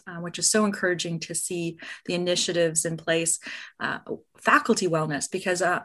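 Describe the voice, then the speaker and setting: A middle-aged woman with an American accent, a medical educator speaking as a guest in a podcast interview, explaining in an earnest, enthusiastic way. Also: fairly low pitch.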